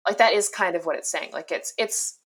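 A young woman co-hosting a podcast, chatting casually with a wry, animated manner and many fillers. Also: lowish voice, fairly quick, breathy edge. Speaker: podcast co-host. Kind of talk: casual chat.

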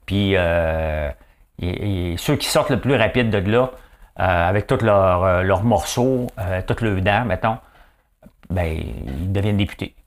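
Man, Quebec French accent, comedic monologue, rambling with fillers, lowish pitch. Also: unhurried. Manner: rambling, animated, many fillers and repeated words.

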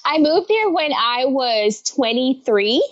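A woman's voice: high-pitched, sing-song, takes it slowly, highs cut off. A woman in her thirties from Honduras, a guest artist in a casual interview, talking openly about her life and often laughing. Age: 30s. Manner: open, laughs easily, talks frankly about loss.

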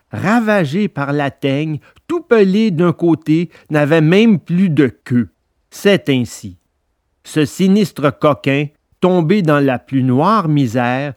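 Woman narrator for storybook audio, slow and lively, dry close sound. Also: low voice, dry recording. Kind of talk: storybook reading.

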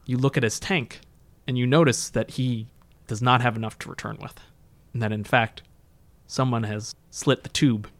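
A man's voice: medium pitch, steady tone, normal speed, a bit bright. Guy game master narrating a tabletop rpg off the cuff, medium voice.

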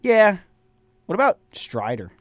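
Young male co-host, animated pitch, dry studio sound, chatty fan. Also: measured pace, no room sound. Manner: chatty, enthusiastic fan, fills with "like". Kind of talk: casual sports talk. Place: college radio studio.

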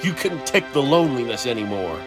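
A man's voice: mid-range voice, very animated, brisk, music in the background, pitched below the performer's own voice, close to an everyday voice. A man voicing a solemn spirit who scolds reproachfully. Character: grave, reproachful male spirit.

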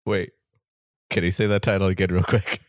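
A man's voice: low voice, little pitch movement, normal speed, no echo, clean studio sound. A young man co-hosting a casual podcast, tossing in wry, sarcastic remarks. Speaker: podcast co-host. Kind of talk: casual chat.

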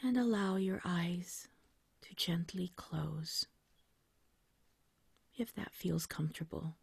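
A woman guiding a meditation like a sleep story narrator, in a soft, whispery, breathy voice with a gentle, soothing, unhurried manner. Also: lowish voice, no echo. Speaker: meditation guide.

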